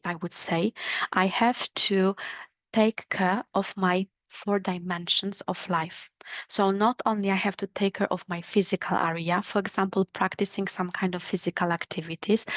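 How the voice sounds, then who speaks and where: A non-native English-speaking woman presenting a webinar over a video call, explaining things in a deliberate, instructive way. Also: mid-range voice, dry recording. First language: not English. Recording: dull lo-fi call audio.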